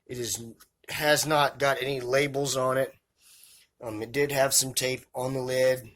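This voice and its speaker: A man's voice: medium pitch, flat delivery, unhurried, a bit bright, slight background noise. A man with his mouth and nose covered, sounding muffled as he gives casual, careful unboxing commentary, thinking aloud. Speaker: tarantula keeper presenting an unboxing.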